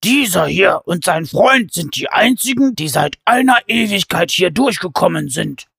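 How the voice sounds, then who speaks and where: A man's voice: high-pitched, lively intonation, normal speed, gravelly, fairly bright tone, breathy edge, no room sound, clean studio sound, pitched above the performer's own voice, full character voice. A man doing a whiny, hungry giant. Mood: whining. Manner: whining, begging. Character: whiny hungry male giant, childish and sulky.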